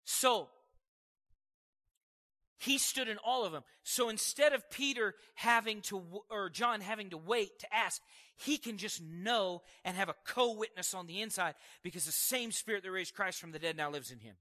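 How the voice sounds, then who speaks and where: A man's voice: sits high, moderate pace. A man preaching a conversational sermon, asking the listeners questions and chuckling as he goes. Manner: conversational and animated, asking the audience questions, laughing.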